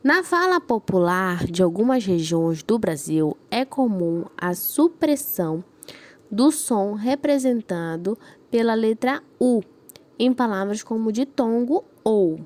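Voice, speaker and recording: A woman's voice: mid-range voice, animated, slow pace, a little mellow. A woman with a northern Brazilian accent, a primary school teacher giving a recorded class lesson, explaining step by step and checking in with her pupils after each point. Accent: northern Brazilian Portuguese.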